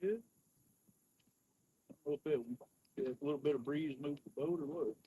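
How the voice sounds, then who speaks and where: A man with a husky voice, chatting casually as a fishing companion. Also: on the high side, moderate pace, mellow, slight background noise, rough recording. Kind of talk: casual chat. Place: outdoors on a small fishing boat.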